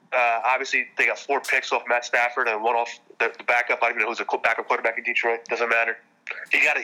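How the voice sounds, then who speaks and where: A man's voice: medium pitch, sharp tone, low-quality recording. A man co-hosting a sports podcast, chatting casually with frequent stammered restarts. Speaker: podcast co-host.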